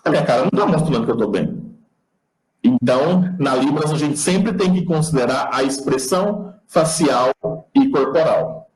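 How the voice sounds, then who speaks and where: A man's voice: medium pitch, expressive, normal speed, darkish tone, echoey room, faint music behind, rough recording. A man with a Brazilian accent giving an online lecture, patiently explaining the sign alphabet step by step. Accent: Brazilian Portuguese. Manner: patient, explanatory, demonstrates as he talks.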